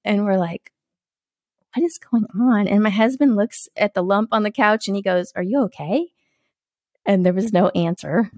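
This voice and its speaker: A woman's voice: mid-range voice, moderate pace, darkish tone, no echo, clean studio sound. A woman in her forties, a guest telling a family story in casual chat, laughing often and acting out the quotes.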